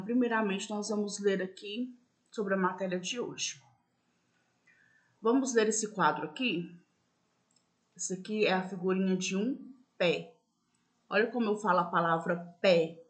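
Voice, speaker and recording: Woman teacher, patient, repeats herself, slows down to stress sample words for young pupils. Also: medium pitch. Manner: patient, repetitive, checks in with "né?"; stresses example words slowly. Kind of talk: school lesson explaining accents.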